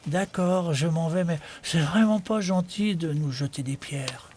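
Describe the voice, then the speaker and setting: Man as dromedary narrator, higher-pitched, nature documentary. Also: measured pace, darkish tone, a little hiss or hum, close to an everyday voice. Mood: narrating. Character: male dromedary telling its own life in the desert. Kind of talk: nature documentary narration, scripted, first person.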